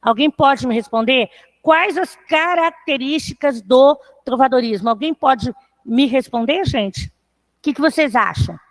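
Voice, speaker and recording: Woman, high-pitched, patient online literature teacher who checks in with students after most phrases. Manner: counts syllables aloud slowly. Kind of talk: online class lecture.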